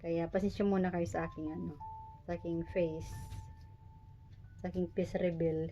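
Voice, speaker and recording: The recording is muffled, with faint music behind a mellow, lowish voice that keeps a level tone and moderate pace. A Filipino woman in her forties, missing her front teeth, jokes about herself to viewers while cooking in a small private room.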